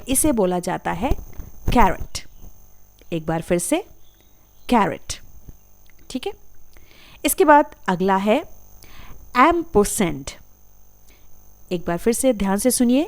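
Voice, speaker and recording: A woman, teaching a vocabulary lesson as a voice-over for slides, patiently saying each term and repeating it with care. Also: medium pitch. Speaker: English teacher. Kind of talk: slow explanatory lesson.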